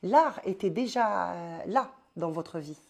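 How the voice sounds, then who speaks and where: A woman interviewing a guest, asking questions haltingly with many fillers. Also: on the low side, lively intonation, vocal fry. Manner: hesitant, many fillers, friendly.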